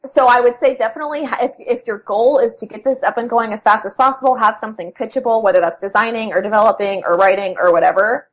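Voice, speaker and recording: A woman's voice: on the high side, fast talker, few pauses. A young adult woman talking as an interview guest about freelance writing, chatty, with lots of fillers and restarts. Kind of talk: casual conversational interview.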